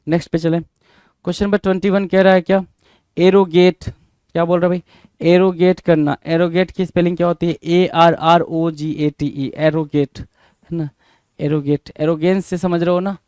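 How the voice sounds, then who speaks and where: A man's voice: on the high side, darkish tone, clear, resonant tone, dry recording. A man teaching English spelling, spelling words out letter by letter and asking his students rhetorical questions. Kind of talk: spelling-check lesson.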